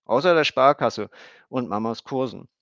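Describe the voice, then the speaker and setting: A man's voice: mid-range voice, expressive, normal speed, fairly bright tone, no echo, dull audio, voice pushed up. A man voicing a blunt, chatty little girl who speaks in a matter-of-fact, lecturing way.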